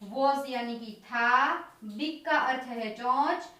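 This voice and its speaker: A woman teaching a children's vocabulary lesson, explaining each word slowly and repeating it. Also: high-pitched, pushed and bright. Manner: slow, repetitive word-by-word explaining. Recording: very echoey room, distant mic.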